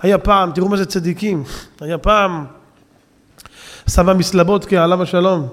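High-voiced man preaching in an echoing hall. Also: fairly even intonation. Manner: emphatic storytelling, swings to shouting peaks; addresses audience as "gentlemen". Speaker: rabbi preacher. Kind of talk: Hebrew Torah sermon.

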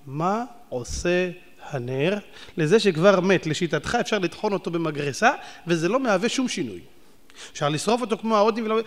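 Man, preacher, high bright voice, animated sermon, rhetorical questions, long hall reverb.

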